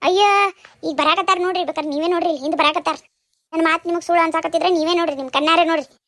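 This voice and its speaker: A woman's voice: extremely high pitch, steady tone, rapid-fire, a bit bright, dry recording, clean studio sound. A woman voicing a gossiping village neighbor in a cartoon, with a North Karnataka Kannada accent and an insistent, gossipy manner. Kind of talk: cartoon dubbing.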